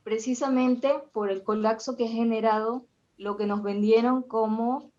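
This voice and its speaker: A woman in her forties from Venezuela with a Venezuelan accent, sharing a measured, hesitant comment as a participant. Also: fairly high pitch, fairly even intonation, a little mellow, lo-fi sound. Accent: Venezuelan Spanish. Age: 40s. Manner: measured, hesitant, with many fillers. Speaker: audience participant, accountant. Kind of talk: conversational comment.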